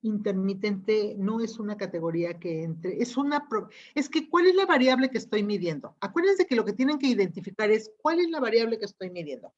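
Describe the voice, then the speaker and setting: A woman's voice: medium pitch, lively intonation, brisk, hardly any pauses, a little mellow. A woman, a teacher giving an online class lecture, explaining patiently and often checking that students follow. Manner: explains patiently, checks understanding with frequent questions. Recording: dull lo-fi audio.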